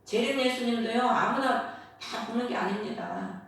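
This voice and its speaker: A woman's voice: fairly high pitch, moderate pace, creaky. Woman preaching in an echoing hall. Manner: earnest preaching, asks rhetorical questions. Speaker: pastor. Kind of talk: sermon. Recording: echoey hall, voice from far off.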